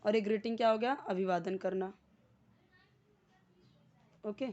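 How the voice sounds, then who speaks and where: A woman with an Indian accent teaching an English lesson, reading English sentences slowly and explaining them word by word, with many "uh" fillers. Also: medium pitch, steady tone, dark tone, muffled recording. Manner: frequent "uh" fillers when speaking English.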